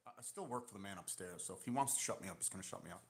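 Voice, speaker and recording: A man's voice: low-pitched, lively intonation, very fast, breathy edge. A man joining a casual live chat remotely, his voice faint and dropping out over a bad internet connection, joking and easygoing. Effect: faint, cutting-out voice over a bad internet connection. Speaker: remote guest.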